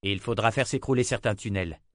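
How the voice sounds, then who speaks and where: A man reading an audiobook, voicing a decisive male leader in a calm, steady voice. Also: on the low side, fairly quick, dry recording, studio quality, natural voice.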